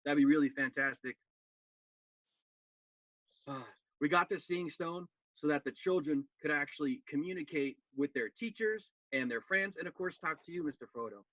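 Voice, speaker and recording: A comedian playing a cheerful, earnest male hobbit gardener with a gravelly voice, chatting as if over a video call. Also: fairly high pitch, moderate pace, a bit bright, no echo, lightly acted. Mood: chatty. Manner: earnest, folksy, talking to a friend on a video call. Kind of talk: cosplay stand-up character bit. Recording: dull lo-fi dry sound.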